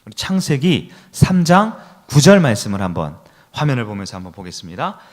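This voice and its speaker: A man's voice: mid-range voice, very animated, fairly quick. A middle-aged man preaching a sermon in a church, who keeps asking the congregation questions and leads them in call-and-response. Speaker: pastor. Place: church sanctuary.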